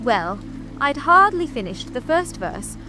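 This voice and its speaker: A high, wildly animated storybook hatter, grumbling one way and mournful the next. The delivery is theatrical and singsong, with music underneath. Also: female voice, measured pace. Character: mad Hatter, grumbling, mournful, whimsical tea-party eccentric. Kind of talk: full-cast dramatic audiobook reading.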